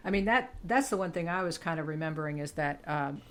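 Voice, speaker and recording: Low-voiced woman, halting and filler-heavy. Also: animated, slight background noise. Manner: halting, with many fillers and restarts. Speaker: co-host. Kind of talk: casual chat.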